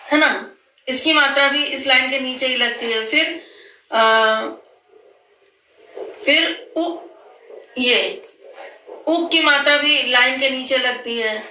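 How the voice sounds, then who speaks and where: A woman teacher giving a kindergarten Hindi lesson, patient and repeating words slowly for children. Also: sits high, pushed and bright, roomy sound, recorded from a distance, slight background noise, rough recording.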